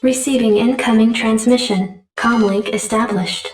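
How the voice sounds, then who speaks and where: A woman's voice: fairly high pitch, fairly even intonation, moderate pace, roomy sound, far from the mic, faint music behind. A woman playing an impassive computer adjutant, making clipped formal announcements through processing in a video game.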